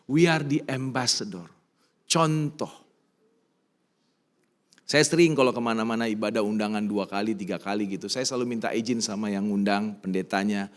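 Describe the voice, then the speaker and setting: A middle-aged man with an Indonesian accent, a pastor preaching a sermon, animated and emphatic at times and soft and personal when telling his own stories, mixing in English phrases. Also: lowish voice, moderate pace. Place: church sanctuary.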